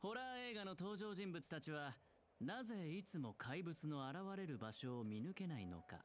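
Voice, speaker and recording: An actor playing a lively young male game character, with animated, rapid delivery. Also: fairly high pitch, slight background noise. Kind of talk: Japanese game voice acting.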